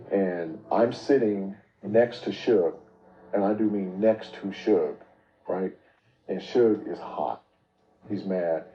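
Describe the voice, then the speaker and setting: A man's voice: lowish voice, highs cut off. A man, an interview guest, telling a personal story in casual storytelling style, vividly narrating and acting out what others said. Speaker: interview guest recounting events.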